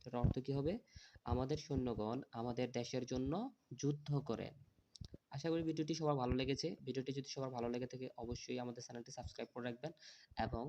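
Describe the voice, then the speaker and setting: A male teacher spells English words out one letter at a time for young pupils. He then gives the meaning of each word. His pitch sits in the middle range, and a faint hiss lies under his voice. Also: fairly even intonation, a little mellow, lo-fi sound. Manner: slow letter-by-letter spelling with translations. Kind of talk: spelling out and translating English for children.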